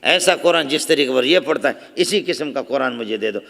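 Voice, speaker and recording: A man preaching a sermon at a conference, telling stories with passion, sometimes soft, sometimes raised for emphasis. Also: mid-range voice, expressive, gravelly. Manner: storytelling, impassioned, shifting between soft asides and raised emphasis. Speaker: religious speaker. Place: large conference hall. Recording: long hall reverb.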